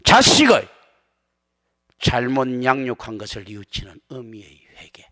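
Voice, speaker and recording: A pastor preaching a sermon in a church, animated and acting out the voices he quotes. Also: mid-range voice, measured pace. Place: church sanctuary.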